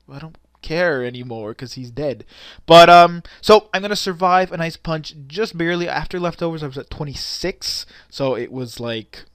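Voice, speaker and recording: A man's voice: a little high, a bit bright, no echo. A young man giving casual, rambling commentary on a game replay, frustrated and swearing often, into a close desk mic. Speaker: gaming commentator.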